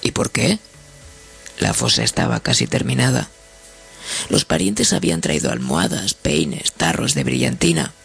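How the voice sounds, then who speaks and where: A male narrator reads a story aloud in a measured, expressive way. His voice is very gravelly and husky, with lively pitch movement. Soft music plays in the background.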